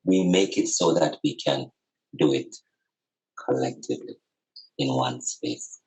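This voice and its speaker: This low-quality clip features a man with a rumbling low, slightly mellow voice who never hurries. A podcast guest on spirituality and community, he reasons casually and reflectively about life, emphatic and sincere, often restating phrases to drive them home.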